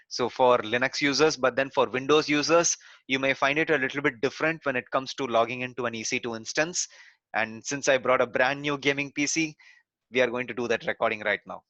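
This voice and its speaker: A man's voice: mid-range voice, a bit bright, no room sound. A man instructor walking through a screen-recorded technical tutorial step by step, with many "so" and "uh" fillers. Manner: explains step by step with frequent "so" and "uh" fillers. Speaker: course instructor.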